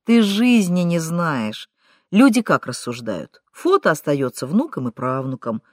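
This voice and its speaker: Woman reading a cynical teasing friend, lively sing-song delivery, dry close sound. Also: sits low, a little slow, no echo, heavily acted. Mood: mocking. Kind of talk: audiobook reading.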